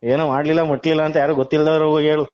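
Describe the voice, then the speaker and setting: A man's voice: a little high, flat delivery, rapid-fire, smooth. A man taking a phone call who humors and then scolds the caller, humming along often. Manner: patient at first, then scolding, with frequent hums. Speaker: call recipient. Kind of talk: phone conversation. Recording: muffled phone call audio.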